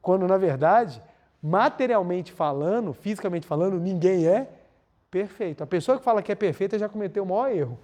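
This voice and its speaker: Man giving a lively spiritual talk. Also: high-pitched, brisk. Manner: lively storytelling, acting out dialogues. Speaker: lecturer. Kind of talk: spiritual lecture.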